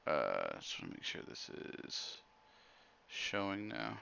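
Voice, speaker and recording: A man's voice: deep voice, wildly swooping pitch, slow, gravelly, bright, forceful tone, muffled recording, a little hiss or hum. A man hosting a casual livestream, laid-back and dry as he announces picks. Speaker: host.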